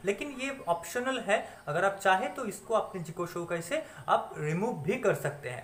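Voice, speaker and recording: High-voiced Indian man teaching Japanese. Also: fairly bright tone, echoey room, slight background noise. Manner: slow, careful model phrases between quicker explanations; fillers and restarts while explaining. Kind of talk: spoken language lesson.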